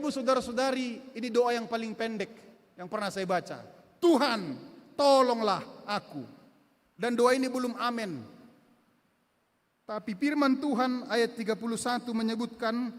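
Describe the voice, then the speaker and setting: A male pastor with a very high voice delivers an emphatic sermon, hammering key words through repetition and voicing the lines of the people he quotes. His words ring out with a long church reverb. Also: fairly bright tone. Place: church sanctuary.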